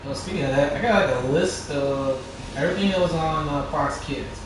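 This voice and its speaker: A man's voice: a little high, fairly quick, slight background noise. A man chatting casually during a video game session, reading off a list in a matter-of-fact way. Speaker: gaming video co-host. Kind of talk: casual gaming chat. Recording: echoey room, distant mic, loud music.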